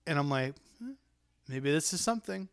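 Male podcast host, medium pitch, rambling casual chat, dry close sound. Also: normal speed, clear, resonant tone, no room sound. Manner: rambling, self-interrupting, animated.

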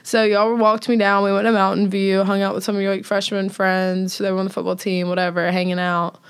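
Young woman hosting a podcast with friends, chatty storyteller, smooth clear voice. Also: medium pitch, level tone, brisk. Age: young adult. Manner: chatty storyteller, laughs often. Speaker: podcast host. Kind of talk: casual chat among friends.

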